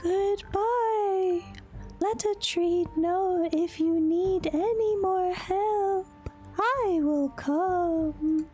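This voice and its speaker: A woman voicing a gentle tree spirit in a game, drawing her words out in a slow, airy way. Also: extremely high pitch, faint music behind, voice pushed up, heavily acted. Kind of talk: voicing game dialogue on a stream.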